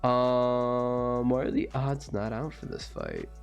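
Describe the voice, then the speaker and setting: A man's voice: mid-range voice, wildly swooping pitch, slow pace, creaky, soft background music. A young man in his twenties, rambling through casual fight predictions with lots of self-corrections. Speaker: MMA fight previewer.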